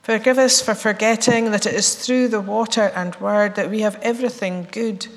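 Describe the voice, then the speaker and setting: A woman minister with a croaky voice, still recovering, leads worship in a church sanctuary that echoes. Her pitch is medium and her intonation fairly even; she leads prayer in a measured, prayerful way, then turns chatty and playful for a children's talk.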